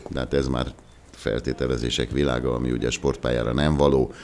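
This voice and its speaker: A man commentating on a local football match in an unhurried, wordy, reflective way. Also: extremely low pitch, little pitch movement, a little mellow.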